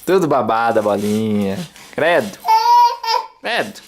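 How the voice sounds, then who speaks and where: A man's voice: on the low side, lively intonation, measured pace. A father filming his baby at home and coaxing him in sing-song, playful baby talk. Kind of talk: home video, talking to an infant. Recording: home camera with clear background noise.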